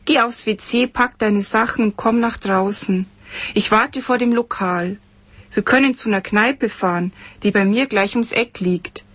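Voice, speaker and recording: A woman's voice: mid-range voice, a little slow, fairly bright tone, breathy edge, dry recording. A woman reading aloud from her novel, voicing a cheerful, hearty woman in her thirties who talks eagerly. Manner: bubbly, eager, exclaiming.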